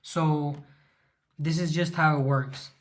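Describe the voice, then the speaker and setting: A livestream host from Southern California, speaking Mexican American English with an East Los Angeles accent, chats casually and rambles, restarting words and greeting viewers by name. His voice is fairly high, with fairly even intonation, and he takes things slowly.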